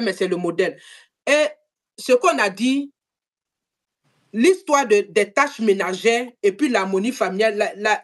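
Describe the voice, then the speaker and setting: Sex: woman. Role: live-stream host. Pitch: fairly high. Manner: animated, repeats words, speaks straight to viewers. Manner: animated, repetitive, addresses viewers directly. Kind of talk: casual live-stream chat.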